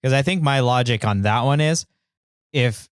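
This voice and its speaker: An American man co-hosting a podcast in casual chat, thinking aloud in loose, halting phrases. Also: mid-range voice, smooth, dry recording, studio quality. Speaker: podcast co-host.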